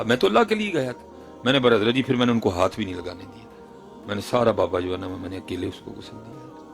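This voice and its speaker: A man in his thirties with a Punjabi accent, preaching an emotional sermon and telling stories, with loud outbursts and hushed lines in turn. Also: on the low side, gravelly.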